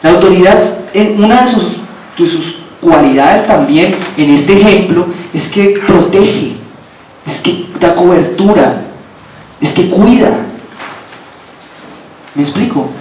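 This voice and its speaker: A man's voice: sits high, slow, pauses often, darkish tone. A man preaching a sermon, asking the congregation questions and repeating phrases for emphasis. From Colombia. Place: church hall. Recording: very echoey hall, from far off, faint background noise.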